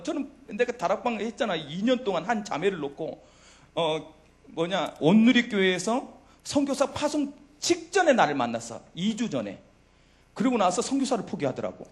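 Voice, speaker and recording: A middle-aged man preaching a youth worship sermon, who keeps asking the congregation questions and answering them himself. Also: high voice. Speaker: pastor.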